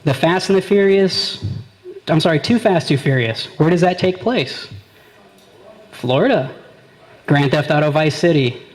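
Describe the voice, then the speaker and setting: A man's voice: fairly high pitch, lively intonation, a little slow, pauses often, low-quality recording. A young man doing a rambling, brash stand-up comedy set on stage, acting out his friends' voices. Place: comedy venue with live audience. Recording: live room with audience crowd.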